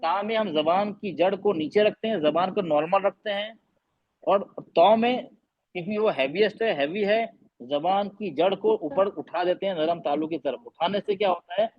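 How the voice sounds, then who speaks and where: A man's voice: high-pitched, no echo. A man teaching an online recitation class on a video call, sounding out letters again and again and quizzing his students. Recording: dull lo-fi online call audio.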